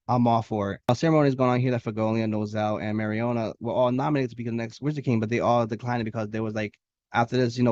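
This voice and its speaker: A man casually recapping an anime chapter as a channel host, chatty and full of fillers, now and then putting on excited voices for the characters. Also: fairly low pitch, dry recording, dull audio. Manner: fast, chatty, filler-heavy retelling with playful voice impressions. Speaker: anime reviewer.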